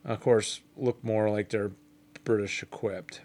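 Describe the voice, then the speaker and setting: A man's voice: fairly low pitch, steady tone, a little slow, darkish tone. A man chatting casually as host of a hobby podcast with a partner. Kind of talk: casual co-hosted chat.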